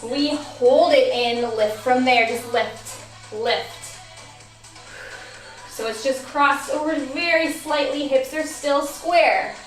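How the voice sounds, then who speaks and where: A woman with a high voice and an unhurried pace cues a barre class, counting reps and urging listeners on. Her voice sounds a little worn. She is heard from off the mic in a roomy space, with faint music behind. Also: fairly even intonation, recorded from a distance. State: losing her voice. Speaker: barre instructor. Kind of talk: workout class cueing.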